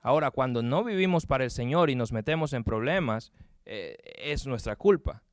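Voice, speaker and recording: This Puerto Rican preacher has a medium-pitched voice with lively intonation and speaks at normal speed in his Puerto Rican Spanish accent. Earnest throughout a sermon with a closing prayer, he often repeats words as he hunts for them; the studio sound is clean with no echo.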